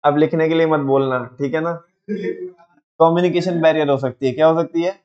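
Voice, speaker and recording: A man's voice: fairly high pitch, steady tone, fairly quick. Storytelling male business teacher, lo-fi. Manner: storytelling, asks students questions, acts out quotes. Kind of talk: lively classroom lecture with acted examples.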